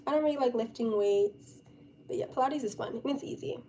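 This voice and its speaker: A woman's voice: on the high side, fairly quick. A young woman live streamer chatting casually and informally with her viewers, with a giggly, chatty manner. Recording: steady background noise.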